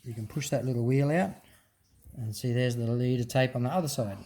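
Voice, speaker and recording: A brisk, mellow mid-range voice belongs to a hobbyist showing off a teardown in casual fashion. He speaks unscripted with lots of ums and restarts, over a slight hiss or hum.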